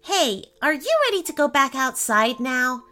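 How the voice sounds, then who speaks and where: A woman voicing a cheerful young boy in a children's storybook, eager and excited. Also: high voice, moderate pace, soft background music, pitched above the performer's own voice.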